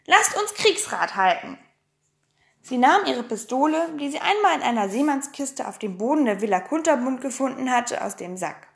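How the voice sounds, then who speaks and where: Brief: woman audiobook narrator, animated delivery, slight vocal fry. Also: sits high, fairly quick, hardly any pauses, reverberant. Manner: expressive storytelling. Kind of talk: audiobook reading.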